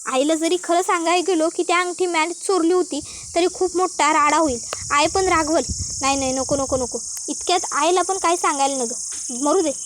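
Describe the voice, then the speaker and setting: A woman's voice: very high voice, a little fast, a little hiss or hum. A woman doing a scheming guilty young man. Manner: muttering, plotting to himself.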